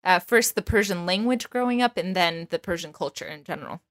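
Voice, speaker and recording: A woman from Texas who hosts an interview, asking questions in a relaxed way and laughing often. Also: fairly low pitch, fairly quick. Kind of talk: casual interview conversation.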